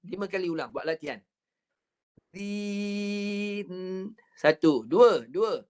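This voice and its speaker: A man's voice: high voice, animated, darkish tone. Malay man teaching recitation patiently. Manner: patient, repetitive drilling with counted practice and demonstrations; stretches words very slowly when showing the recitation. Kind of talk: online recitation lesson. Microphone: computer mic on a video call.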